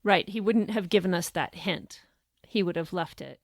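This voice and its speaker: A woman's voice: lowish voice, normal speed, no room sound, studio quality. A woman co-hosting a podcast, talking through a short story in a thoughtful, casual way and reading quotes aloud. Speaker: podcast co-host. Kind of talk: casual book discussion.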